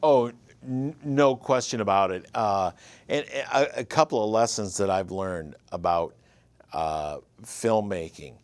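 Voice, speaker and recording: On a dry recording, a man with a lowish voice speaks a little slowly, telling his story with ease. He's a writer and producer in his fifties from Michigan, USA, Michigan accent and all, guesting in a casual interview.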